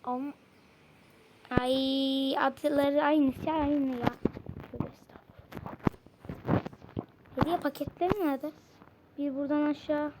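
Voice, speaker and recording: A young woman chatting casually while playing a game with a friend. She repeats words in quick bursts and yelps when startled. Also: sits high, fairly even intonation, background noise. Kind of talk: casual game-play chat.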